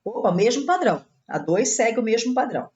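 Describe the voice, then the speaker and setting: A Brazilian woman runs an exam-prep grammar lesson, walking through each answer step by step and checking in with her students. Her voice sits fairly high and swoops up and down with plenty of life. The recording sounds a little dull and lo-fi. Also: big pitch swings, brisk, a little mellow. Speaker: Portuguese teacher.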